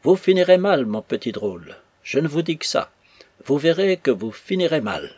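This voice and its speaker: A man putting on a scornful, domineering master from a storybook, mocking and threatening, suddenly louder on his warnings. The voice is husky over a dry, close sound. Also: medium pitch, sing-song, normal speed, no echo. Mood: menacing, mocking. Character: sly menacing male master, scornful and domineering.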